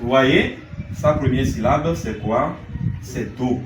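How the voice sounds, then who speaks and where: In a classroom music lesson, a man with a mid-range voice speaks slowly, asks questions and answers them himself, and sings the note names of scales. The room echoes, the mic sits far away, and there's loud noise.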